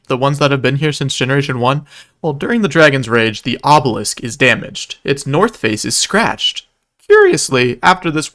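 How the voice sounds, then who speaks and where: This scripted narration recaps a roleplay event on video. The male narrator has a medium-pitched, slightly bright voice, and his delivery is casual and wry but drifts into dramatic storytelling.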